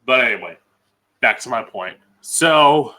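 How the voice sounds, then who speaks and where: A man's voice: mid-range voice, lively intonation, measured pace, bright, forceful tone. An American man hosting as a drag queen, giving blunt, emphatic opinionated commentary with frequent swearing. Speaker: drag queen podcast host.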